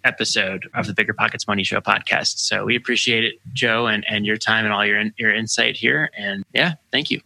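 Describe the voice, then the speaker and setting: Very bright, lowish male podcast co-host. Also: fairly even intonation, fairly quick, creaky, hardly any pauses, dry recording, rough recording. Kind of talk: casual chat.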